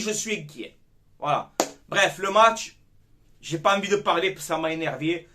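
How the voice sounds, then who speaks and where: A man's voice: sits high, fairly bright tone. A young man giving a heated, casual football debrief, swearing freely as he rants. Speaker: football fan commentator.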